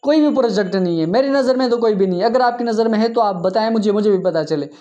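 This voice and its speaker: A man hosting a crypto app channel, narrating over a screen share in an exasperated, scolding tone, often tagging his sentences with a quick "okay". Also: high-pitched, warm tone, lo-fi sound. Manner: exasperated, scolding, tags lines with 'theek hai'. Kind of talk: screen-share commentary rant.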